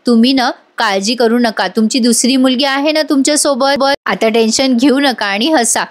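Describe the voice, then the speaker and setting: A woman's voice: a little high, moderate pace, natural voice. A woman voicing a cheerful, determined young heroine who reassures and teases others in a retold serial. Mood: reassuring. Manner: reassuring, teasing.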